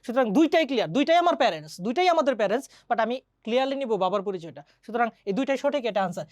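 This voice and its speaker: A woman teaching an English grammar lesson, chatty and quick, often asking her students questions. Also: a little high, big pitch swings, darkish tone, no room sound. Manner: mixes English grammar terms into Bengali. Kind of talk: online exam-prep lesson.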